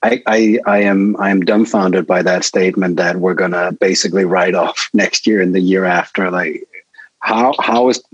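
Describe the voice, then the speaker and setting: A man with a low, husky voice who speaks with emphatic disbelief on a podcast. The mic sounds dry and slightly dull. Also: no echo. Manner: incredulous, emphatic. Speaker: podcast co-host. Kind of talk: casual chat.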